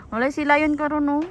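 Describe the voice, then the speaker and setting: A woman's voice: high-pitched, background noise. A woman vlogging a family outing outdoors, chatty and coaxing her toddler as she talks. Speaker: family travel vlogger, mother. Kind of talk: casual vlog narration and talking to her child. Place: outdoors by the seaside.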